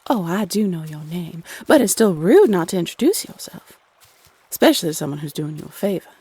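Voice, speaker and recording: A woman's voice: on the low side, very animated, fairly quick, mellow, husky, no room sound. A woman playing a playful, teasing Cupid, a bossy love goddess who chats sassily and uses pet names in an audio roleplay. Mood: friendly, sassy. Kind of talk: scripted audio roleplay addressed to the listener.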